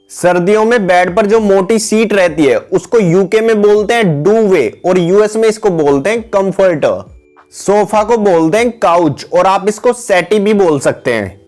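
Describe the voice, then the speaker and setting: A man teaching English words for household items in a steady, repetitive voice-over, calling his viewers guys. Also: high-pitched. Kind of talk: vocabulary lesson voice-over with pictures.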